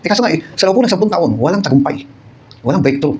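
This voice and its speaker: Fast-talking Filipino preacher, lively. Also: male voice, on the high side, muffled recording. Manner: animated, rhetorical questions to congregation; personal storytelling with acted quotes. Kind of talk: midweek sermon, conversational. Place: church service.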